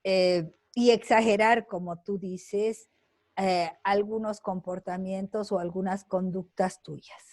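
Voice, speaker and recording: An older woman teaches over a video call, taking her time as she answers students. She talks slowly and thinks aloud with fillers and little tag questions. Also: medium pitch, steady tone, a little mellow. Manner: slow, deliberate, with many fillers and tag questions. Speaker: lecturer.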